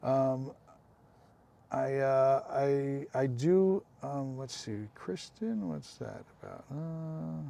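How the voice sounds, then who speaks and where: A man's voice: mid-range voice, extremely slow, creaky, dark tone. A man hosting a casual live stream, chatting with viewers, calling them by name and making apologetic asides.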